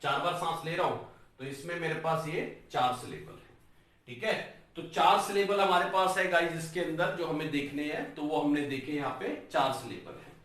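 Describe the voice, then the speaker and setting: A man teaching an English lesson, sounding out words slowly syllable by syllable and calling his viewers guys. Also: on the high side, a bit bright, recorded from a distance. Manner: breaks words into slow, drawn-out syllables, addresses viewers as guys. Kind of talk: classroom-style lesson on a whiteboard. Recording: very echoey room, voice from off-mic.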